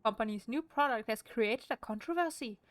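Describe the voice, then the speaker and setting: A woman's voice: fairly high pitch, a little fast, fairly bright tone, no echo. A woman with a German accent streaming a game at home, reading in-game text aloud with wry, chatty asides.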